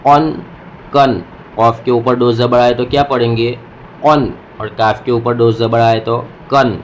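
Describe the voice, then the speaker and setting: Patient male reading teacher drilling letter sounds one at a time, mid-pitched voice, light room noise. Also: level tone, low-quality recording. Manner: patient, repeats syllables one by one. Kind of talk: slow spoken lesson, drilling letter sounds.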